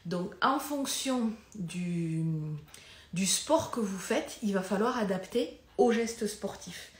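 A woman's voice: mid-range voice, slow, roomy sound. A woman physiotherapist gives a live lesson on pelvic floor health. She talks conversationally, loses her thread and comes back to it, and moves around while she demonstrates.

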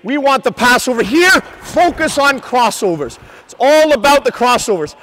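A man's voice: very high voice, sing-song, normal speed, fairly bright tone. A man coaching hockey on the ice, calling out drills with urgent, repeated, encouraging commands in a noisy indoor rink. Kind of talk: shouted drills and instructions on the ice.

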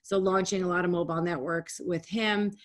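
An energetic woman, speaking at a low pitch over a video call. Her talk is conversational and lively, with quick bursts and restarts. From United States. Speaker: guest speaker. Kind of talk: webinar presentation. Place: home room, indoors.

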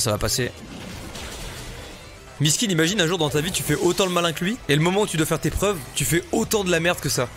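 A gaming YouTuber with a fairly high-pitched voice delivers casual let's-play commentary. He's excitable, slangy and joking, speaking straight to his viewers.

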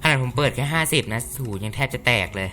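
A man's voice: mid-range voice, lively intonation, fast talker, bright, forceful tone, soft background music. A man hosting a gaming channel, chatting casually and reacting aloud as he plays through a horror map. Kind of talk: casual game commentary.

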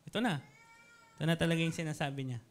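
A man preaching a casual sermon, chatty, often asking his listeners "right?", and reading Bible verses slowly. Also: on the high side.

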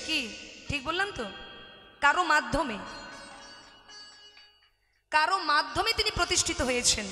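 A woman preaches at a live devotional gathering, speaking slowly and deliberately in a high, bright voice. She addresses the audience directly and urges them to chant along. Her voice rings through an echoey hall with a long reverb tail, and music plays faintly behind. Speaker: kirtan singer and preacher. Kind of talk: devotional sermon with call-and-response chanting.

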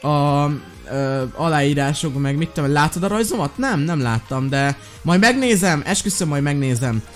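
A young man giving lively, excitable commentary over his own gameplay, his voice leaping into high yelps when he panics. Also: hardly any pauses, soft background music. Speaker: gaming YouTuber.

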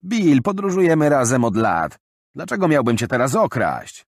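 A man's voice: mid-range voice, sing-song, moderate pace, no echo, studio quality, pitched above the performer's own voice. A male narrator voicing a travelling man who defends himself, sounding exasperated.

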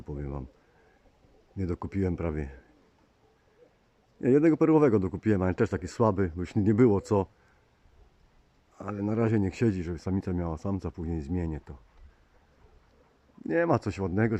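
His voice sits low and sounds warm as this pigeon keeper records himself on a phone outdoors. He chats away to viewers he calls dear ones, with birds and outdoor ambience behind him.

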